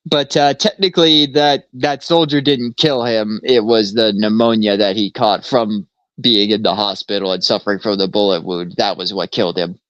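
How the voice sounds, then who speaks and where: A man's voice: lowish voice, steady tone, moderate pace, fairly bright tone, no room sound, highs cut off. A man co-hosting a casual podcast in a small studio, talking in a laid-back, profane way and laughing easily. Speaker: podcast co-host. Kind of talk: casual stoner chat.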